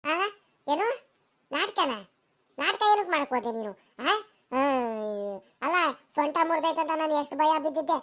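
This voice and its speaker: A woman's voice: high-pitched, lively intonation, moderate pace. A woman voicing a young village woman in a cartoon, scolding her sweetheart with dramatic sighs. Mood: indignant. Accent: Karnataka rural Kannada. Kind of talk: cartoon voice acting.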